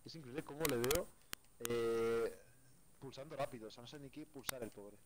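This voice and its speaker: A man's voice: medium pitch, normal speed, a little hiss or hum. A man on voice chat during a game, brash and mocking toward his friend. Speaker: teammate on voice chat. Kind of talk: casual gaming chat.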